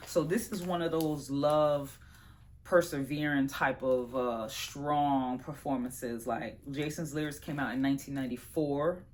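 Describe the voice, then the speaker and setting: A woman chats through her favorite movies as a vlogger. She is animated and slangy, and she speaks right to her viewers. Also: rumbling low, measured pace, a little hiss or hum. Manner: animated, slangy and chatty, addresses viewers as y'all. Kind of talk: casual movie review chat.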